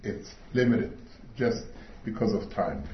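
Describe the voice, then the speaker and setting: A middle-aged man delivers a sermon in slow, deliberate English, pausing often to find his words. His voice sits a little low. The recording is dull and roomy, as if captured in a hall. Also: lively intonation, a little hiss or hum. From Switzerland. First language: not English. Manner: slow, earnest, pauses often with fillers. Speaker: speaker at a church meeting. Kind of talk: sermon talk.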